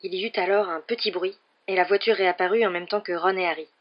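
An audiobook reader narrating a novel in an even, measured way. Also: mid-range voice, dull audio.

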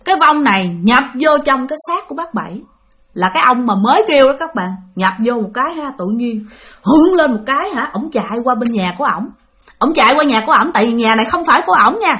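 A woman's voice: sits high, expressive, quick pace, fairly bright tone. A woman with a Southern Vietnamese accent narrating ghost stories for her channel, chatty and often addressing her listeners. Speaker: ghost story channel host. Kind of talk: spoken ghost story narration.

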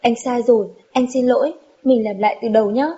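Woman reading the lines of a frantic pleading young husband, high-pitched, warm tone, dull lo-fi sound. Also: fairly even intonation, fairly quick, close to an everyday voice. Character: distraught young husband pleading with his wife. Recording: dull lo-fi recording.

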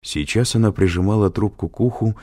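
A man narrating an audiobook thriller in measured, scripted storytelling. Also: on the low side, dark tone.

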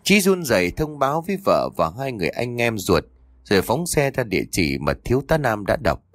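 Male audio story narrator, lively dramatic pitch, dry close sound. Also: a little fast, no echo. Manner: dramatic, expressive reading.

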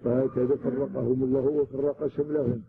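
A man's voice: medium pitch, little pitch movement, a little fast, creaky. A man with a Moroccan accent giving a scripture commentary lesson, explaining carefully and repeating key words for emphasis. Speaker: religious teacher. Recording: tinny lo-fi recording with loud noise.

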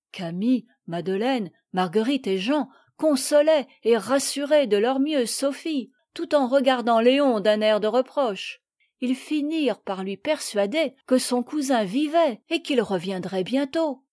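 A woman narrating a children's classic as an audiobook reader, clear and even. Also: a little high, no room sound, clean studio sound. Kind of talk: scripted narration.

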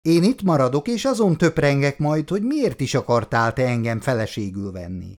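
A man's voice: mid-range voice, expressive, a little mellow, voice pushed up, natural voice. A male reader voicing a cool, proud young woman who answers her fiancé in clipped, icy replies. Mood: cold. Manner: cold, clipped, tight replies.

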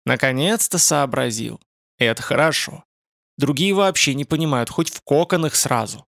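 A man reading an audiobook, voicing a creaky, sinister old male spider-man mage in a slow, gloating manner. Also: medium pitch, expressive, fairly bright tone, no room sound, studio quality. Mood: sly. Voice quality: creaky, clicking voice.

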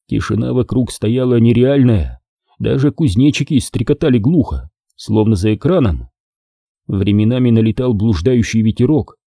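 Dark husky male audiobook narrator. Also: medium pitch, dry recording, studio quality. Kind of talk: scripted narration.

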